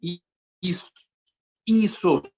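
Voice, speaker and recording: Man, glitchy robotic call audio breaking up, dull lo-fi sound, slightly high voice, patient explaining. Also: extremely slow, a little mellow. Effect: glitchy, robotic-sounding breakup of a lagging online call. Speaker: guest on an online call. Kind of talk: explanatory discussion.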